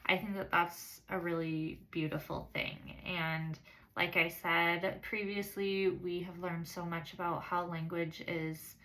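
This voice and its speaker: A woman's voice: lowish voice, level tone, takes it slowly, sharp tone, rough recording. A woman talking in a casual, reflective vlog style, earnest and somewhat hesitant in her phrasing. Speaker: science teacher giving a course reflection.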